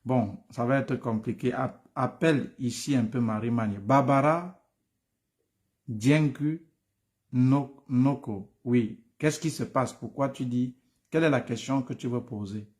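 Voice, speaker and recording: A man's voice: medium pitch, a little slow, darkish tone. Tired man. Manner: familiar, addresses viewers by name, repeats himself. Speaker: study-abroad advisor. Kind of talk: live stream answering viewers.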